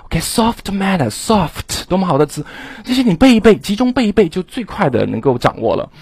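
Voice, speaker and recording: A man lectures on English words in an animated classroom manner, calling out to his students. His voice sits fairly high and the sound is dry and close. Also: a little fast, slightly rough, dry recording. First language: Chinese. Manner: animated, exclaims and addresses students directly. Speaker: English exam teacher.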